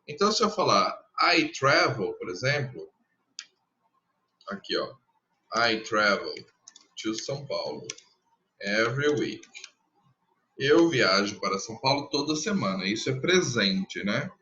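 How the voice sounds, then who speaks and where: A Brazilian man teaching a recorded lesson, his voice bright and forward. He explains patiently, step by step, repeating each example slowly. The sound is dull and somewhat lo-fi. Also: fairly low pitch, very animated. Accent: Brazilian Portuguese. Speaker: English teacher.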